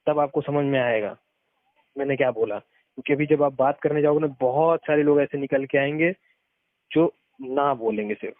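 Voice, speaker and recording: A creaky, fairly high-pitched male voice with lively intonation gives advice at normal speed over the phone. An experienced former network marketer, he's casual yet emphatic, repeating points for stress. The call is muffled and narrowband, with no room sound.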